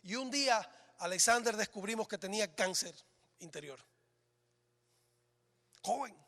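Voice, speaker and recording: A male pastor preaching a sermon in a church, dramatic, swinging between loud exclamations and hushed lines. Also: sits high, measured pace, gravelly. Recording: reverberant church hall.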